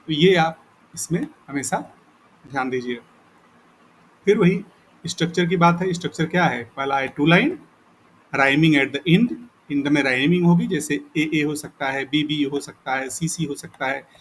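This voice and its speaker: Man lecturing in a patient, measured way. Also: fairly high pitch, slight background noise. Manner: explains slowly in Hindi, reads English definitions aloud haltingly with pauses. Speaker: teacher. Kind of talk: recorded lecture.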